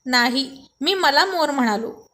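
A quick-witted young man full of teasing comebacks, as a woman reads him aloud. He comes through in a fairly high voice and needles his friends with dry jokes in a spoken love story. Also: expressive, a bit bright. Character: witty teasing young man, gang leader.

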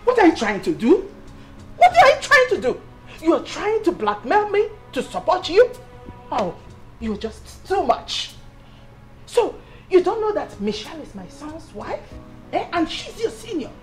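Nigerian mother-in-law, bossy, torn inside, high voice, music playing under it. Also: sing-song, unhurried, a little mellow, exaggerated voice. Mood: scolding. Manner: scolding, repeats "Eh?" as a jab. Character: stern middle-aged mother-in-law, scolding yet torn. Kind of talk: Nollywood film acting.

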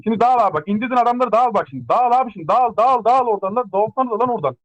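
A man's voice: very high voice, animated, racing, highs cut off. A man in an online game battle giving urgent, insistent instructions to a teammate over voice chat, repeating each one several times.

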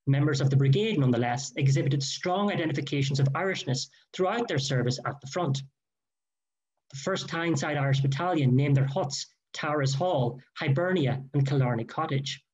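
A man giving a formal, measured history lecture read from a prepared text. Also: on the high side, darkish tone. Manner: measured, careful delivery with quoted sources. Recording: dull lo-fi recording.

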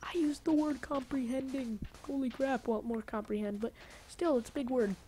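A woman's voice: high voice, moderate pace, slight background noise. Goofy rambling young woman gamer. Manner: goofy, rambling, full of "like" fillers; jokey self-mockery, sudden excited outbursts. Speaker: gaming channel host. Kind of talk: casual gameplay commentary.

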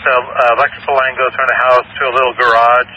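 A man on the fireground giving a matter-of-fact report over a scanner radio, pausing with frequent "uh" fillers. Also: medium pitch, flat delivery, sharp tone, lo-fi sound. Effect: heard over a scanner radio. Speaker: firefighter on the fireground. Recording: distant, noisy radio transmission.

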